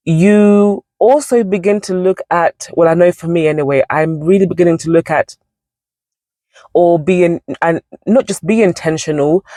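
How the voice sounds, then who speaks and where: A woman in her forties hosts a Bible study channel, giving a casual devotional talk in which she rambles and corrects herself as she goes. Her voice is on the low side with a dark tone, and there's no room sound.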